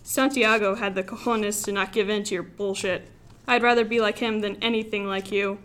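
A woman reading as a deadpan defiant teen girl. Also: medium pitch, normal speed, lightly acted. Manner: deadpan, sarcastic. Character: defiant sixteen-year-old pregnant girl.

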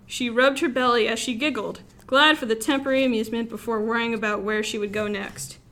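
A young woman from Los Angeles, a student author, reading her own story aloud in a wry, expressive way. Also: fairly high pitch, brisk. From Los Angeles, USA. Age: young adult.

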